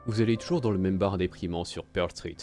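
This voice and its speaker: A man's voice: deep voice, brisk, a little mellow, soft background music. A man playing a video game on stream, reading its story text aloud and adding casual, crude asides. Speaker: let's play streamer.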